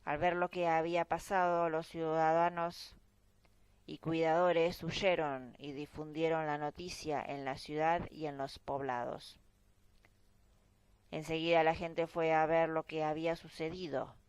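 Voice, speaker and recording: Low-voiced woman reading scripture. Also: level tone, clean tone, no room sound, poor audio. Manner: slow, measured reading. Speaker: Bible reader.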